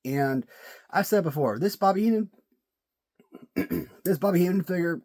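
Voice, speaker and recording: A man with a high-pitched, darkish voice, lively intonation and moderate pace talks casually on video about his action figures. His voice is sore and cracking, and he keeps restarting and repeating words as he thinks in his chatty way.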